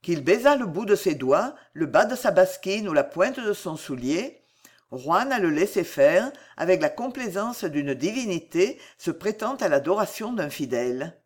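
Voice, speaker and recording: A narrator giving a dramatic, expressive reading of a period novel. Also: mid-range voice, unhurried.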